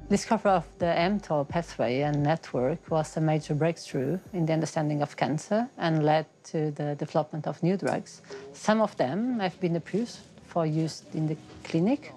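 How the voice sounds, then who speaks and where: A woman's voice: low voice, normal speed, mellow, poor audio. A woman, a clinical researcher at a hospital, giving a composed interview statement.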